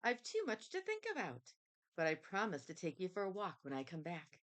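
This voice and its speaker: A woman's voice: on the low side, huge pitch swings, fairly quick, fairly bright tone. A woman reading a storybook voices a small, dutiful, solemn little girl with childish lisping speech.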